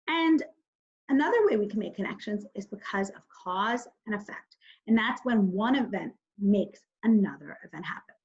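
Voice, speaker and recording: In a muffled recording, a woman with a slightly high voice teaches reading to kindergarteners. Her talk is plain and instructive, aimed straight at the little ones, mixing in questions and thinking out loud.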